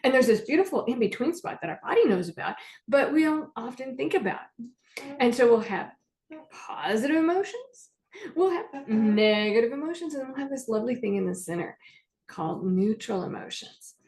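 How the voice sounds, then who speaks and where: A woman's voice: a little high, lively intonation, moderate pace, darkish tone. A middle-aged woman therapist explaining emotions in a casual, chatty talk, telling stories and acting out what clients say. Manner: chatty storytelling, acts out quoted clients.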